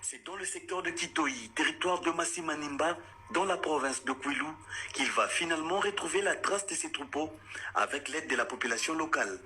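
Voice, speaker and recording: A man reading a scripted news report in a measured, formal delivery. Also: a little high, sharp tone.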